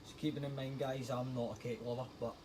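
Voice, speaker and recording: A man's voice: mid-range voice, fast talker, noisy background. Chatty Scottish man chef. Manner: relaxed, chatty, reads recipe steps aloud. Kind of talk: casual cooking demo on a livestream.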